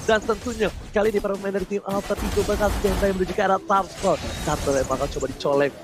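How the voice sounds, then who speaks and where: A man with an Indonesian accent doing live esports play-by-play as a hyped, rapid-fire fighting game announcer. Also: high-pitched, fairly even intonation. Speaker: esports match caster and host. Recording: music behind the voice. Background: music.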